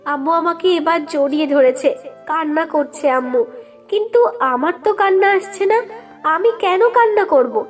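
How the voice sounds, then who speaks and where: A woman's voice: very high voice, moderate pace. A woman reading a first-person story aloud with emotive, dramatic narration. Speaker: story reader. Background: faint background music.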